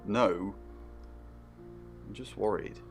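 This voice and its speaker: A somewhat low male voice, a tense investigator in a mystery game. He sounds worried and earnest and keeps it low-key. Faint music runs beneath his lines. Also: steady tone, takes it slowly, creaky. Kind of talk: game character dialogue.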